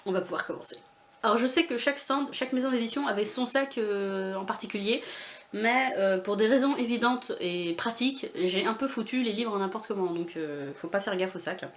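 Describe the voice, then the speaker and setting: A woman's voice: medium pitch, fairly quick. A woman from France chatting casually in a vlog about her book haul, with many fillers, restarts and self-mocking asides. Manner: self-mocking, laughs often. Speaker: booktuber showing a book haul.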